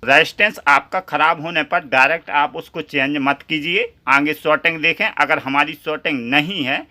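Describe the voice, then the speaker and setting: A man's voice: a little high, moderate pace, sharp tone. A man hosting a step-by-step repair tutorial in speech, chatty and addressing viewers as friends.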